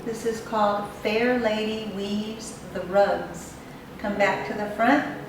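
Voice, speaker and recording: A woman's voice: medium pitch, steady tone, background noise. Woman instructor in a very echoey room. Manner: unhurried, instructive, short measured phrases. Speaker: tai chi instructor. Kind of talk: step-by-step guided movement instruction. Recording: very echoey room, distant mic, music behind.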